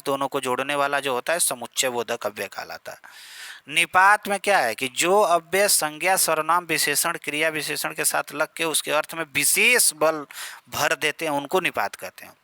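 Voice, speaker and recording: Bright, dry-sounding Hindi grammar teacher man. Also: fairly high pitch, dry recording. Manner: explains with many example sentences, keeps asking questions and answering them; addresses students familiarly. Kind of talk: exam-prep grammar lesson.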